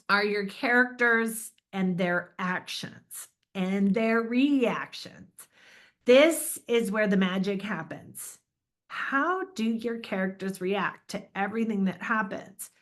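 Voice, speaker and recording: A middle-aged woman, an author, giving a lively, emphatic writing lecture in a conversational way. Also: fairly high pitch.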